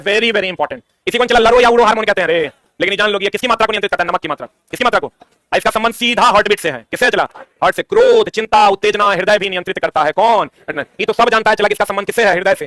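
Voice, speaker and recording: Rapid-fire male tutor drilling questions. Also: sits high, sharp tone, dry recording. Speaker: teacher. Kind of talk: exam-prep science lesson.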